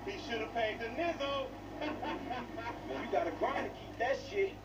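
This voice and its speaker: Brash young street hustler, slangy and cocky, lively pitch, noisy game audio. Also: male voice. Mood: boastful. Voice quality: cocky slang-heavy swagger. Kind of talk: video game dialogue. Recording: game audio with background noise.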